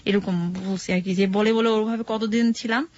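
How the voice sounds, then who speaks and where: A woman's voice: mid-range voice, steady tone, moderate pace, a little mellow, no echo. A young woman with a Dhaka Bengali accent, telling her own life story on a radio show in a rambling way and acting out what others said. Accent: Bangladeshi Bengali, Dhaka area. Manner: rambling, repeats phrases, acts out quoted dialogue. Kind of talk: casual personal storytelling on radio. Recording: dull lo-fi radio broadcast audio.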